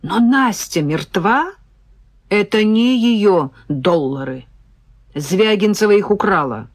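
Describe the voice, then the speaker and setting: A woman reading a curt, commanding male police major in an audiobook, with a lively voice. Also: medium pitch, slow, no room sound, studio quality, voice pushed up.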